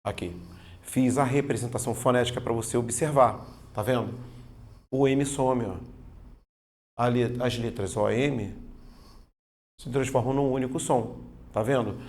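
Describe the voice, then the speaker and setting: Gravelly-voiced male grammar teacher. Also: medium pitch, darkish tone. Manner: casual, addresses students as "galera", frequent "ó" and "tá vendo?". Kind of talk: exam-prep grammar lesson.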